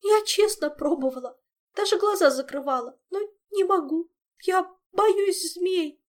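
A sobbing, frightened young woman with a shrill, very high voice that leaps wildly up and down, as a woman reads her in an audiobook. She talks through tears in a loud, piercing tone. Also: animated, normal speed. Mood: tearful.

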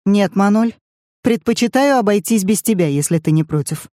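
A man's voice: high-pitched, animated, moderate pace, warm tone, no echo, clean studio sound, pitched above the performer's own voice. A reader doing a stern old grandfather. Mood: commanding. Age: older. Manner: stern, commanding. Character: stern grandfather, short grey man, commanding.

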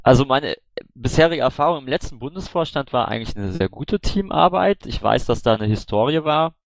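A man's voice: mid-range voice, animated, fairly quick, gravelly, no echo. A man answering questions as a candidate in an online voice chat, hesitant with many fillers and restarts. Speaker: candidate for party board. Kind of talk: online Q&A, casual spoken answers.

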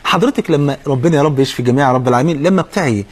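A man's voice: fairly high pitch, rapid-fire, slightly rough. A man preaching a sermon with an Egyptian accent. He asks his listener questions directly.

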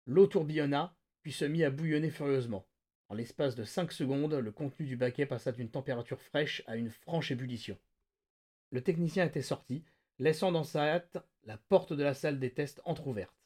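A man hosting a podcast, reading a novel aloud with lively, dramatic narration. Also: fairly high pitch, fairly quick. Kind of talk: expressive read-aloud narration.

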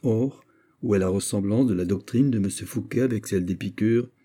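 A man's voice: on the low side, fairly quick, mellow, breathy edge. A man voicing a cautious, earnest scholar who raises worried objections in an audiobook. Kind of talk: audiobook character voice.

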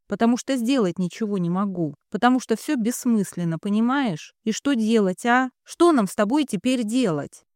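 A frustrated, blunt young man in a storybook, as a woman reader puts him on. He talks in exasperated outbursts with a lively, swinging pitch, and the recording is dry and close. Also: no echo, close to an everyday voice. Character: young strong man, frustrated, secretly in love.

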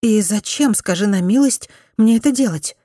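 A woman reading an audiobook, voicing a composed, wary young cousin in a quiet voice. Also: mid-range voice, animated, moderate pace, no room sound, clean studio sound, pitched above the performer's own voice, natural voice.

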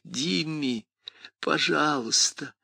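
A man's voice: fairly high pitch, drawn-out words, vocal fry, bright, forceful tone, husky, dry recording, voice pushed up, full character voice. A man voices a demon mimicking a lonely elderly mother who pleads in a plaintive, whining way. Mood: pleading.

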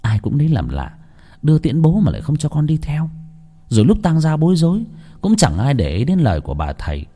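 A man narrating a ghost story in a dramatic, lively storytelling manner. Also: fairly high pitch, fairly quick.

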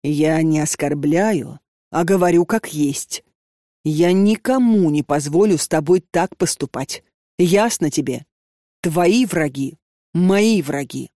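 A man's voice: a little high, slow, dark tone, no echo, clean studio sound. A woman reading an audiobook and voicing a controlling, hot-tempered young man who speaks insistently. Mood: domineering. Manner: insistent, domineering.

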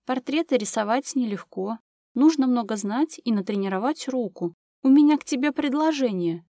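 A woman voicing a kind young woman who cares for a little girl, speaking gently and reassuringly. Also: a little high, lively intonation, moderate pace, dry recording, studio quality. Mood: gentle.

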